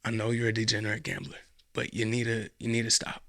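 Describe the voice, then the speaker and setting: A man's voice: on the low side, monotone, fast talker, sharp tone, no room sound, clean studio sound. A young American man giving casual political commentary as a podcast host, rambling and often restarting his sentences. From United States. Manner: rambling, repeats himself, frequent restarts.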